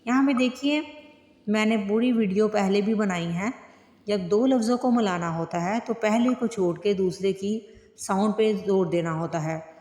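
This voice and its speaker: A woman teaching Quran tajweed word by word, explaining each rule plainly and then reciting the words slowly with long drawn-out vowels. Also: medium pitch, a little mellow. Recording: echoey room with long reverb.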